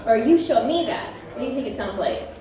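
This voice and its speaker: A woman voice actress on a convention panel, chatty and animated, laughing often and quizzing the audience. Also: on the high side, brisk, over a noisy crowd. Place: large convention panel room. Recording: very echoey hall from a distance.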